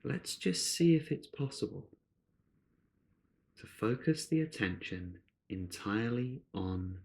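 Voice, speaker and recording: Here a man leads a meditation in an unhurried, gentle way, offering short phrases punctuated by long pauses. His fairly low voice has lively intonation and vocal fry.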